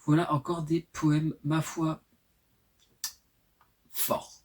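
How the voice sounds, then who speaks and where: A man in his twenties hosting his channel, reading his own poems aloud and adding candid, self-mocking asides in a soft, unhurried way. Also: a little high, completely flat delivery. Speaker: channel host.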